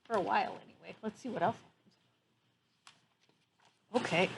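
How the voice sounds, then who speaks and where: A woman in her fifties with a gravelly, medium-pitched voice reads a picture book to children at normal speed, outdoors on a wooden deck among trees. As a storyteller she is animated and amused, exclaiming and adding chatty asides, with faint outdoor ambience in the background.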